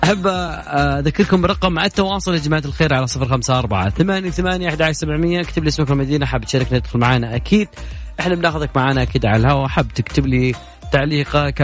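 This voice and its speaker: A young Saudi man hosts a late-night radio show in a studio, talking quickly and playfully as he chats and reads out messages. His voice sits at an ordinary middle pitch, and soft music plays faintly underneath. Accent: Saudi Gulf Arabic. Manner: chatty, joking, reads listener messages aloud. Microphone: studio microphone.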